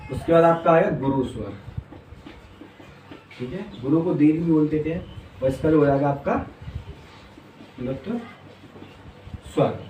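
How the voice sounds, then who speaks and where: A man's voice: fairly high pitch, unhurried, pauses often, darkish tone, far from the mic. A man teaching a lesson, patiently asking his students questions and answering them himself, with frequent check-ins. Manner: uses "theek hai" constantly as a check-in. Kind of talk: classroom lesson on Hindi vowels. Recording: echoey room, voice from off the mic, faint hum.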